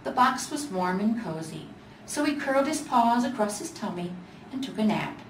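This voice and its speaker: A volunteer reader with an American accent narrates a children's storybook, her medium-pitched voice very animated at a normal speed. The recording has an echoey room, a distant mic, and faint noise.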